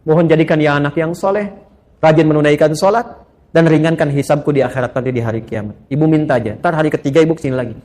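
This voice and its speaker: A middle-aged man delivers a sermon to an audience of women, with a voice pitched a little high. He tells stories with animated rises and drops to soft, quiet asides. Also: fast. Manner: animated storytelling with rising exclamations and soft asides. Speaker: preacher.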